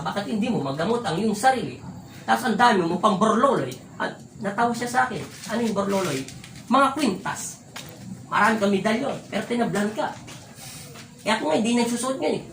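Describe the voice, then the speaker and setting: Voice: mid-range voice, a bit bright. A folk faith healer scolds and instructs in a stern, preacher-like way, explaining healing to viewers and ordering spirits to leave. The voice sits back from the mic in a roomy, echoing space, with a faint hum of surroundings behind it. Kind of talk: healing session commentary and commands to spirits. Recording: echoey room, voice far from mic, faint ambient noise.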